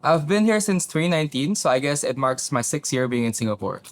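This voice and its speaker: A young man from Indonesia, a guest chatting casually in an interview, relaxed and full of fillers like "you know" and "like". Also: fairly high pitch, quick pace, no echo. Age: young adult.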